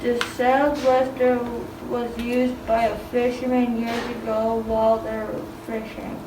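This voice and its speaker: A woman reading a class presentation, flatly reading out facts. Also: fairly high pitch, a little slow. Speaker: student presenter. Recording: echoey room, noisy, from far off.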